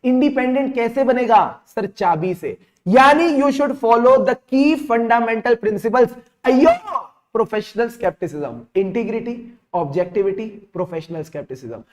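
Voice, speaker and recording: High-pitched energetic Hindi-speaking teacher. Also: male voice, unhurried. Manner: energetic, repeats lines, mixes English terms into Hindi. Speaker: CA exam teacher. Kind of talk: live online revision lecture.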